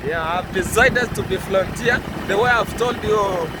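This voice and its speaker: A man from Kenya narrates a casual road vlog from a moving vehicle, his voice pitched high. He repeats phrases and keeps urging viewers to follow along. Loud engine and road noise sits under everything. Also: unhurried. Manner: repetitive, calls out to viewers. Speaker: vlogger. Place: outdoors riding a vehicle on rough roads.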